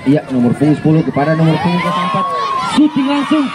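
A man calls a futsal match live in a fairly high voice. He is excitable and stretches names into shouts. The recording is outdoors, with clear crowd noise around him. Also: fast. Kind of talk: live sports commentary. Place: outdoor village futsal court. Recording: noisy outdoor court, crowd behind. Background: spectator crowd noise.

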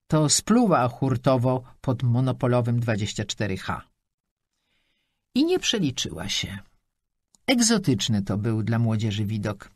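A woman reading an audiobook aloud in a low voice with a lively, wry delivery. The recording is close and dry. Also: dry recording. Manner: wry, expressive storytelling. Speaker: audiobook narrator. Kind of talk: scripted narration.

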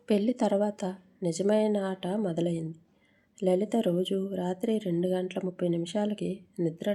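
A woman narrating a moral story in a measured storytelling manner, with the odd small slip. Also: fairly low pitch, warm tone, slightly rough.

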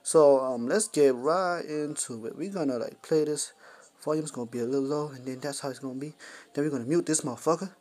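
A man's voice: a little high, brisk, darkish tone. A young man hosting a casual music-app tutorial, rambling with lots of fillers and slang. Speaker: music production tutorial host. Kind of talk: casual screen-recorded tutorial.

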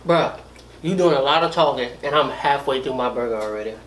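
A man's voice: medium pitch, fairly quick, a bit bright, a little hiss or hum. A man joining a casual food review, laid-back and teasing, slangy. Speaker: co-host tasting food.

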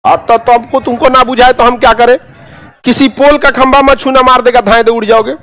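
This is a man in his thirties, a coaching teacher with a Bihari accent, lecturing informally at a presentation board in an indoor classroom studio and adding his own commentary. He speaks fairly quickly in a very high, somewhat bright voice with a level tone, keeping things sarcastic and colloquial and firing off rhetorical questions.

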